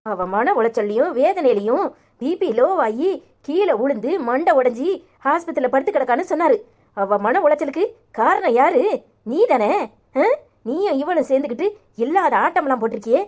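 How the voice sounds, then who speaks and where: A domineering cartoon mother-in-law, voiced by a woman, furious and throwing threats at everyone. Her voice is high and pointed. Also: animated, brisk, darkish tone. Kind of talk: cartoon voice acting.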